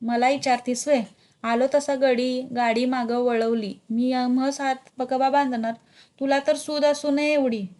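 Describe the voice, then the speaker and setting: A woman's voice: sits high, steady tone, measured pace, a little mellow. A woman voicing a fretful village wife.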